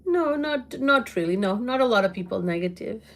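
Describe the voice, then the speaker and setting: A middle-aged Portuguese woman with a Portuguese accent, chatting loudly to her livestream viewers from her home kitchen, laughing often. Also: fairly high pitch, expressive, moderate pace. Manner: loud, laughs often, exclaims. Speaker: livestream host. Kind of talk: casual livestream chat answering comments.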